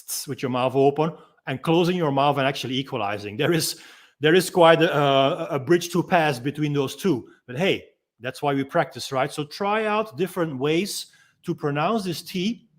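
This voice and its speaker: A man's voice: fairly high pitch, moderate pace. A man teaching as a freediving instructor, patiently explaining step by step and demonstrating the sounds himself. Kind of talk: instructional walk-through.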